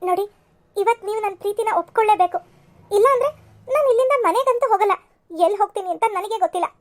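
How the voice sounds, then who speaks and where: A lovesick, stubborn young cartoon woman, as a woman puts her on. She pleads and sulks, her voice squeaky-high and rushed. Tearful insistence runs through her lines. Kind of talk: amateur cartoon voice acting.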